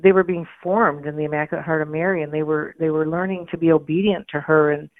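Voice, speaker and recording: A woman interview guest speaks in a low, gritty voice that is gravelly and hoarse. She explains things in a conversational way. The sound is narrow and tinny, as over a telephone, with very little room sound. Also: steady tone, quick pace, no echo. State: hoarse from a mild allergy. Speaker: interview guest, communications director. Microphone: phone call. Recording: tinny phone line, radio interview.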